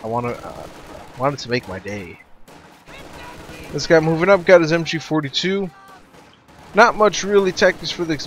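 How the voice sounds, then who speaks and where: A man's voice: mid-range voice, slight background noise. A man casually commentating a strategy game replay, loose and rambling, swearing now and then.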